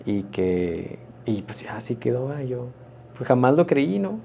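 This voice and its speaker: A pastor, telling his personal testimony in an interview in an earnest, reflective, halting way. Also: mid-range voice, very animated, gravelly, mellow.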